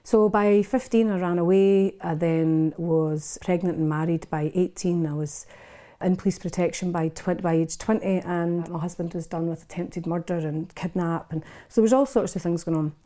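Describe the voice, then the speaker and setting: A woman's voice: fairly low pitch, steady tone, moderate pace, few pauses, dark tone. A Scottish woman in her fifties, a podcast guest, telling her life story in a frank, unguarded way with frequent restarts. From Scotland. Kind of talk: candid personal storytelling in a casual interview.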